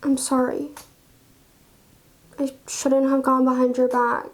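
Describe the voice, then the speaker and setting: Anguished teen daughter, played by a woman, monologue piece: very high-pitched, slow, tearful, sorrowfully pleading. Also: monotone. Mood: sorrowful, apologetic. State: tearful, crying in later lines. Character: anguished teenage daughter pleading with her mother. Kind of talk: dramatic monologue performance.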